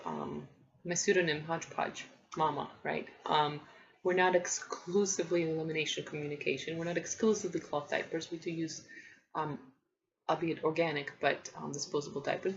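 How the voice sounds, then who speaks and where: This woman in her thirties, whose first language is Polish, vlogs about parenting in a relaxed talk to camera. Her lowish voice has a gravelly edge, and she pauses with ums and restarts while thinking. The lo-fi home recording is dull, with slight background noise.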